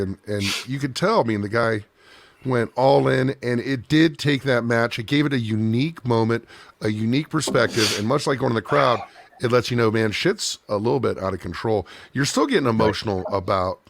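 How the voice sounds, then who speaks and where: Gravelly low-voiced guy hosting a podcast, relaxed questions, dry close sound. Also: a little fast, no echo. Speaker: podcast host, interviewer. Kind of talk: conversational interviewing.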